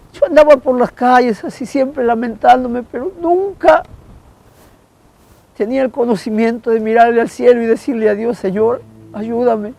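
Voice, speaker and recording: Very high-voiced gravelly man giving testimony. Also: darkish tone, poor audio. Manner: halting, keeps addressing the listener as "hermano". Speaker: guest giving a religious testimony. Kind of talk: emotional personal testimony.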